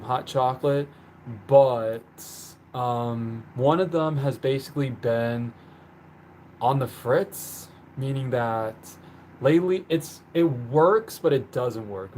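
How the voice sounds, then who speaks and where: A chatty, rambling young man hosts a casual livestream from home, painting on the floor while filling his talk with "like" and "um." He was born in the country where he lives, and his mid-pitched voice has a darkish tone, with a faint room hum behind it.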